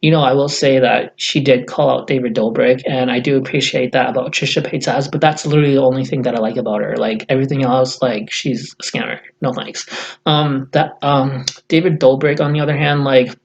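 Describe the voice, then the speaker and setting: A man's voice: medium pitch, fairly even intonation, brisk, gravelly. A man in a casual vlog rant, blunt and profane, rambling with many fillers, who says he has just woken up. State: just woke up. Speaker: YouTuber.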